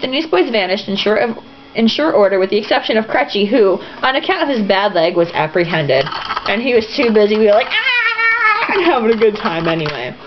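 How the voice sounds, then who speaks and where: With a high-leaning voice, big swings in pitch and a fairly quick pace, a woman reads a novel aloud irreverently, giggling, tripping over sentences and dropping casual side comments. It is a dull, slightly noisy lo-fi home recording.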